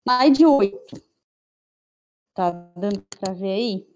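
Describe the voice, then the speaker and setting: A woman with a Brazilian Portuguese accent teaches an online class, explaining patiently and frequently checking in with her students. Her medium-pitched voice is expressive, slow and darkish in tone. The audio has its highs cut off and a little hiss or hum.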